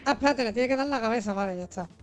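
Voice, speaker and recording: Spanish girl from spain streaming a game, highish voice, slangy and sweary, bit of music in the back. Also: very fast. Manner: foul-mouthed, slangy, joking. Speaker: streamer playing a video game. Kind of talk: casual gaming livestream chat. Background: video game music.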